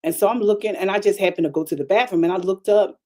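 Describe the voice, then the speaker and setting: An older woman pastor preaching a storytelling sermon, animated and emphatic, talking straight to her listeners. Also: mid-range voice, fast talker.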